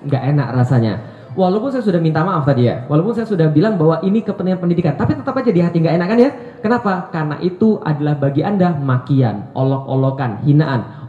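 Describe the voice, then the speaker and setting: A man preaching to a live audience in a hall, joking and tossing quick questions at the crowd, repeating playful tag questions. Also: a little high. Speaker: Islamic preacher. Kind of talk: lively seminar talk to a live audience. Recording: echoey hall, dull lo-fi sound.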